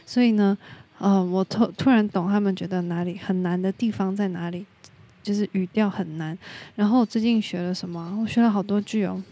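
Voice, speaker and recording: Woman podcast host with a Taiwanese accent, mid-pitched and warm, frank casual monologue with some English mixed in. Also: fairly even intonation, a little fast. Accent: Taiwanese Mandarin. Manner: candid and opinionated, drops in English words. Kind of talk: casual solo podcast chat.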